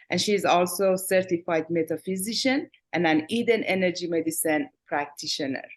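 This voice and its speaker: This is a woman with a Persian accent hosting a conversation. Her voice sits a touch low, and she speaks warmly. She often pauses on fillers and restarts her sentences. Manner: warm, hesitant with many fillers and restarts. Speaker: host. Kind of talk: interview conversation.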